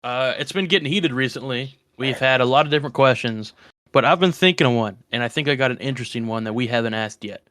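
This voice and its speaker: A man's voice: medium pitch, quick pace, a bit bright, no room sound. A man hosting a casual video game podcast, joking and slangy. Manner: laid-back, joking, slangy. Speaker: podcast host.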